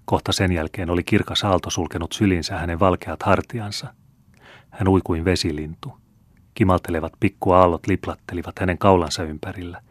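A man reading a classic novel aloud as audiobook narrator, in a calm, measured storytelling manner. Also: low voice, no echo. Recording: dry close studio sound.

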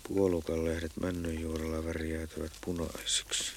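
A man speaks his musings in a very low voice with a gravelly rasp. His narration is unhurried and reflective, like inner monologue. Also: completely flat delivery, background noise. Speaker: narrator and hunter.

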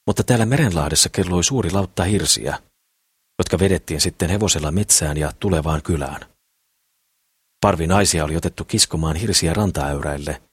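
A man narrates an audiobook in a calm, steady storytelling voice. His tone sits very low with a husky grain. The recording is close and dry, with no room sound. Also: no echo. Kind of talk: scripted narration.

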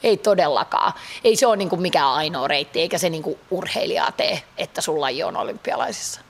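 A woman in her thirties from Finland, a pole dance athlete answering interview questions in a chatty way with many fillers. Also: low voice. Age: 30s. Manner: chatty, frequent fillers, laughs easily.

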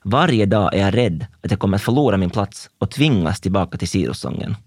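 Lively-voiced young man narrating. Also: on the low side. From Finland. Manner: intense, introspective present-tense telling. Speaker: dancer telling his own story. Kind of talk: scripted first-person narration.

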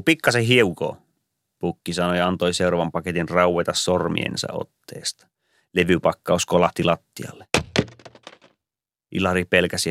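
Brief: low-voiced man, steady scripted story narration, dead-dry studio sound. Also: gravelly, no room sound.

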